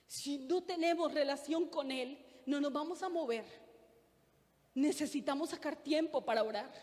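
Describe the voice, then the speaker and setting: Woman preacher, very high voice, earnest sermon, long church reverb. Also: normal speed, a little mellow. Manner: earnest, asks the congregation questions.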